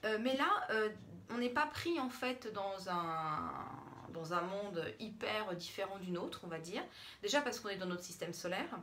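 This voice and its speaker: A woman's voice: medium pitch, lively intonation, measured pace, fairly bright tone, slight background noise. A woman vlogger talking casually to her camera about books at home, hesitating often with fillers and restarts. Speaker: book vlogger. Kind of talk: casual book review to camera. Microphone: camera in front, she steps back from it.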